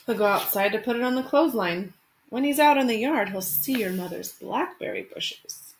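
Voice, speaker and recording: Speaking to children as if reading them a picture book, a woman in her thirties who teaches elementary school uses a fairly high voice with lively intonation at a moderate pace, keeping things simple and expressive. The clip is a home webcam recording made in a small room, with faint noise.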